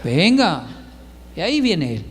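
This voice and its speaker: High-voiced man telling stories. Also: fairly quick, big-room sound. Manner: animated, acts out dialogue. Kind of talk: comedic storytelling monologue.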